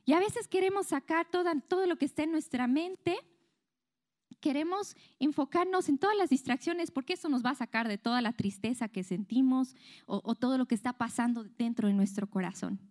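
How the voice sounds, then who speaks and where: A young woman preaches to a youth group in a high, light voice. She talks in a conversational way, often checking in with her listeners and acting out what people say to themselves. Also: brisk, darkish tone. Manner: conversational, asks the audience questions, acts out inner voices. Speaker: youth speaker. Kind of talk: youth sermon to a live group.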